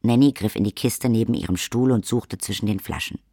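A man reading the narration of a fantasy audiobook in a measured storytelling manner. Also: fairly low pitch, vocal fry, warm tone, breathy edge, no room sound, studio quality. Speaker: audiobook reader. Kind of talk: scripted narration.

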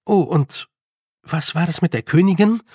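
A man's voice: sits high, moderate pace, darkish tone, husky, no echo, clean studio sound, pitched above the performer's own voice. Man playing a stubborn storybook girl, raised and insistent. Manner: insistent, questioning.

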